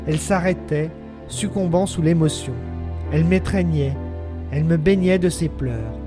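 A man reads classic fiction aloud in a measured, expressive narration. His voice sits somewhat high for a man. The delivery is that of a radio reading. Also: over music. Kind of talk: scripted literary narration.

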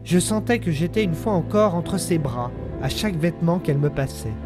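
A man reading a literary text aloud in measured, expressive narration. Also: fairly high pitch, over music.

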